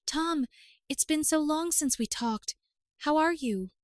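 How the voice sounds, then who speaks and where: A woman's voice: a little high, normal speed, no echo, close to an everyday voice. A woman voicing a pushy middle-aged mother who sweet-talks and pleads with her son, in a dry recording. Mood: pleading.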